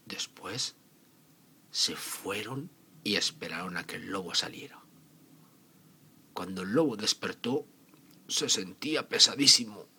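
A man narrating a children's fairy tale in a theatrical way, with dramatic repetitions and pauses. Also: fairly low pitch, lively intonation, bright, forceful tone, husky. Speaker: storyteller.

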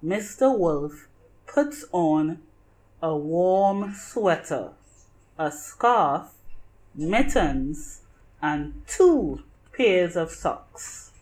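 A woman narrating a children's picture book in deliberate, simple phrases meant for young listeners. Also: lowish voice, lively intonation, darkish tone, low-quality recording. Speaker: storybook reader.

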